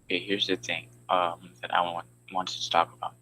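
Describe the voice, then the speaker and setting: A man's voice: low-pitched, little pitch movement, moderate pace, sharp tone, a little hiss or hum, rough recording. A man giving a class presentation over a video call, explaining step by step with frequent fillers. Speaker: student presenter.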